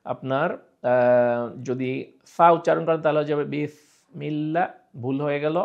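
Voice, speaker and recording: A man from Bangladesh teaches Quran recitation. He has a gravelly voice that sits a little high for a man. He repeats each sound slowly as a drill and answers his own questions. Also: steady tone, phone-quality sound. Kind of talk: explaining pronunciation with recited examples.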